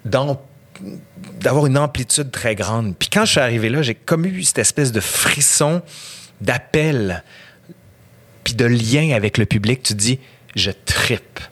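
A middle-aged man with a Québécois French accent, a history professor telling lively anecdotes as a podcast guest. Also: mid-range voice, measured pace, long pauses, husky. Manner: animated, acts out quotes and anecdotes. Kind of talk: casual interview storytelling.

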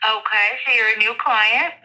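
Polite receptionist on a tinny phone line. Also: female voice, fairly high pitch, normal speed, bright, forceful tone, a little hiss or hum. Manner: polite, procedural. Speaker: law firm receptionist. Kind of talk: scripted client intake call.

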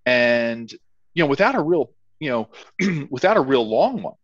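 A man's voice: medium pitch, big pitch swings, no room sound. A man co-hosting a football podcast, giving casual commentary in an emphatic, repetitive, stop-and-start way. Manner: emphatic, repetitive, halting phrasing. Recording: dull, slightly lo-fi sound.

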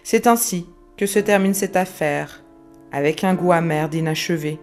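A woman giving scripted true-crime narration in a measured, grave manner with dramatic pauses. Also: fairly low pitch, a little mellow, faint music behind.

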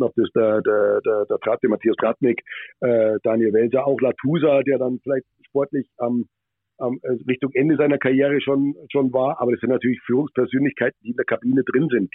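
Podcast guest: man from Bavaria, hesitant, filler-heavy, husky, on a dry phone-like line. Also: medium pitch, no room sound. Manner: hesitant, many fillers and restarts. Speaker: former hockey manager, podcast guest. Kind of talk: podcast interview answers.

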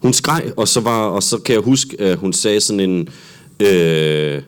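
A man with a deep voice, a comedian guest on a live podcast, telling rambling, vivid anecdotes. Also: expressive. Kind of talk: casual live podcast chat.

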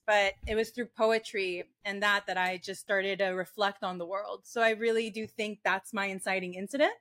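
A woman's voice: medium pitch, sharp tone. Woman guest, from Venezuela, reflective storyteller, mid-range voice. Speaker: guest filmmaker. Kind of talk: podcast interview.

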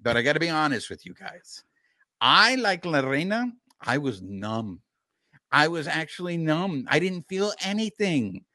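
A man hosting a sports podcast, delivering a sarcastic, animated rant in casual talk. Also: on the high side, measured pace, dry recording. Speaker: podcast host.

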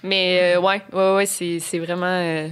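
A woman's voice: lowish voice, level tone, measured pace, clear, resonant tone. A young woman with a Quebec French accent, chatting casually as a podcast guest and leaning on fillers like genre and là. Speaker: guest content creator.

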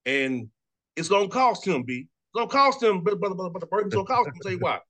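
A man in his thirties, a sports radio host, talking fast and casually, repeating words and laughing often. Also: high voice, expressive, a bit bright. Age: 30s. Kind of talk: casual sports talk interview.

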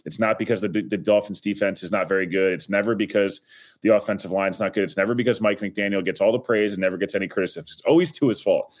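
Low-voiced man talking football. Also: fast talker. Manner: conversational, reasoned, laughs easily. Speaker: podcast guest. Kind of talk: casual sports analysis chat.

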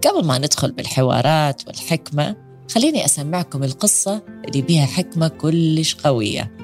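A woman's voice: low voice, sing-song, brisk, darkish tone, soft background music. A woman hosting a motivational podcast, chatty and putting direct questions to listeners. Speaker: podcast host. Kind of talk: motivational storytelling.

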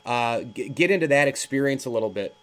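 A man's voice: mid-range voice, expressive, fast talker. Male interview host, rambling questions. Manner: rambling questions full of fillers and restarts.

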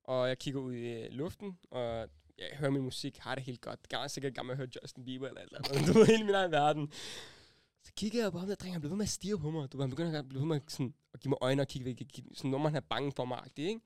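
A young man hosting a casual podcast chat, telling stories in animated, slangy talk and laughing as he goes. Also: medium pitch, dry recording. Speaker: podcast host.

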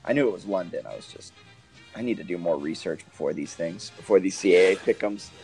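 A man's voice: low-pitched, fairly quick, a little mellow. Chatty guy on a sports podcast, goes off on tangents, faint music under it. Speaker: podcast co-host. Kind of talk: casual sports podcast chat. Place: lives in Hoboken, New Jersey.

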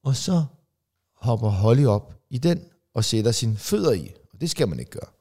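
A comedian co-hosting a podcast, telling rambling family anecdotes full of fillers and restarts. He briefly acts out relatives in quick, raised voices. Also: medium pitch, very animated, warm tone. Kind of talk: casual chat, storytelling.

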